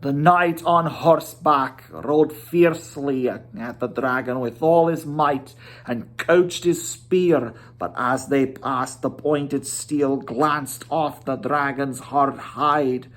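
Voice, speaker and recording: A storyteller with a medium-pitched voice gives a dramatic reading of a storybook. The delivery is theatrical and weighty, with drawn-out emphasis.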